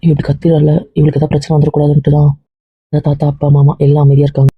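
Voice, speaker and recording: A man voicing a calm young man who explains and reassures, with a husky voice. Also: a little high, very fast, dry recording. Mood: explaining. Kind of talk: Tamil family drama dialogue. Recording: dull dry lo-fi recording.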